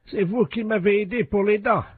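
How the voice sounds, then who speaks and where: A man's voice: high-pitched, moderate pace, slight background noise, voice pushed up, close to an everyday voice. A man voicing a seventy-eight-year-old male dental patient who cries out in pain, heard over the phone. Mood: grateful. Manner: yelps and wails in pain. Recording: tinny phone line.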